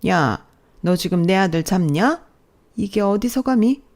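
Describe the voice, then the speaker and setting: A woman's voice: mid-range voice, lively intonation, normal speed, a little mellow, natural voice. A woman voicing a brazen, scolding older mother-in-law who demands money, in a bossy, contemptuous radio-drama manner. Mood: furious. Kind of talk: Korean radio drama story reading.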